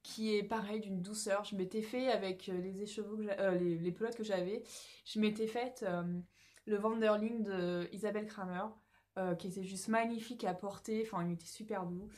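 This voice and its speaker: A woman's voice: mid-range voice, steady tone, moderate pace, a little mellow. A young French woman chatting casually to her camera about knitting, rambling with lots of fillers and restarts, recorded at home on a phone or camera. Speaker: knitting vlogger.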